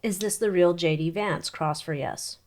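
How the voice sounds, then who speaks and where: A woman giving an informal psychic tarot reading, thinking aloud in short, halting phrases and muttered questions. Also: fairly low pitch, darkish tone.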